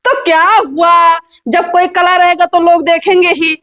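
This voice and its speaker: A woman's voice: very high-pitched, fairly even intonation, unhurried, pushed and bright, heavily acted. A woman playing a showy young city bride. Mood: breezy. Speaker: daughter-in-law in a comedy skit. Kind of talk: rustic comedy skit acting.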